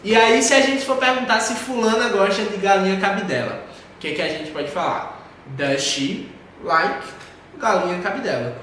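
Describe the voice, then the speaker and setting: A man's voice: high voice, a little fast, a bit bright, slight background noise. A man teaching an English class, patiently repeating and drilling pronunciation. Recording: very echoey room.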